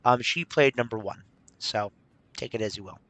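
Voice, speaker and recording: A man's voice: mid-range voice, moderate pace, a bit bright. A man giving casual, hesitant commentary while playing a game. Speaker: host of a game playthrough.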